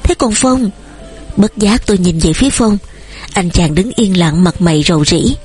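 A woman's voice: on the low side, moderate pace, darkish tone, soft background music. A woman narrating a novel in the first person as an audiobook reader. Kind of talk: scripted narration.

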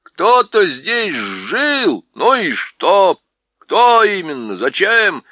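Cranky deaf old dwarf lord, voiced by a male reader, loud and bright. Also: sits high, huge pitch swings, extremely slow, no room sound, pitched above the performer's own voice, full character voice. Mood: irritated. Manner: loud, cranky, mishears words.

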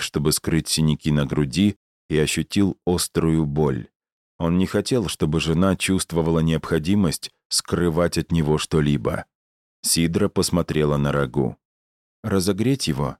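Male audiobook narrator, very deep voice, dry close recording, measured reading. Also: a little mellow, no echo. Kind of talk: scripted narration.

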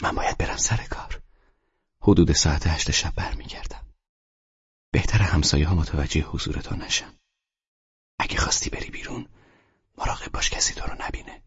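Kind, relaxed young woman, read by a man in a very low, husky voice. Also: pauses often, dry recording. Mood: hushed. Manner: soft, relaxed, plain talk. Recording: dull, dry studio read.

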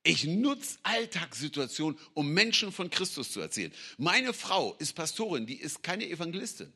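A middle-aged man preaching an energetic sermon, acting out quotes and sometimes shouting. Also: fairly high pitch, normal speed, breathy edge. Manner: animated, acts out quotes and voices, sometimes shouts.

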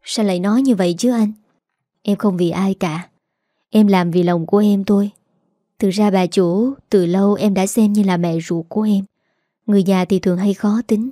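A woman voicing a gentle young daughter-in-law who speaks softly and politely. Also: mid-range voice, fairly even intonation, moderate pace, no room sound, clean studio sound, close to an everyday voice.

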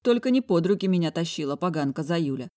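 A woman reading a first-person audiobook in a wry, lively storytelling manner. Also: lowish voice, fast, no room sound, studio quality. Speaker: audiobook narrator.

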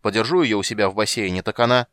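A man's voice: fairly low pitch, very fast, a bit bright, dry recording, studio quality, close to an everyday voice. A man voicing a hot-tempered, lovesick prince who barks orders. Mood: blustering. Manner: blustering, barking orders.

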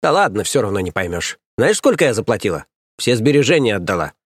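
A man voicing a coarse, scheming stout nursemaid woman who scolds and sneers in a raised, shrill voice. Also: big pitch swings, fast, no echo, clean studio sound. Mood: scolding. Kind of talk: audiobook character voice.

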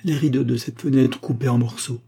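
A man's voice: medium pitch, fairly even intonation, brisk, gravelly, warm tone, natural voice. A man voicing a desperate young noblewoman in an audiobook, pleading in a somewhat raised voice.

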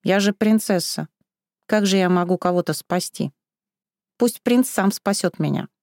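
A woman's voice: medium pitch, measured pace, a little mellow, no echo, clean studio sound, voice pushed up, close to an everyday voice. A woman reading a storybook and voicing a confused, indignant young woman. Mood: bewildered. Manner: bewildered, protesting.

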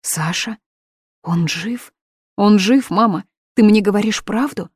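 A woman's voice: deep voice, normal speed, darkish tone, slightly rough, no room sound, studio quality. A woman voicing a desperate young woman in love, pleading in urgent outbursts. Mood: frantic.

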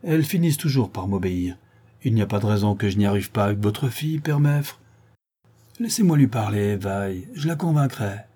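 A man's voice: fairly low pitch, lively intonation, fairly quick, warm tone, breathy edge. A man voicing a scheming old peasant woman who herds goats, speaking in a quavering, sly voice. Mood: wheedling.

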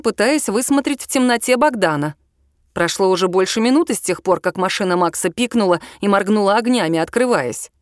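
A woman narrating a horror story in an expressive storytelling manner. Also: mid-range voice, no room sound, studio quality.

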